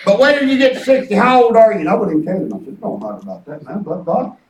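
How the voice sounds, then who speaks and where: Male preacher, fifties, rural Southern US twang, very high voice, excitable folksy storyteller; echoey room. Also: quick pace, a crowd in the background. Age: 50s. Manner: excitable, colloquial, chuckles through anecdotes. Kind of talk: folksy, rambling sermon with storytelling. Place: church hall with responding congregation. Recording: echoey church room, distant microphone.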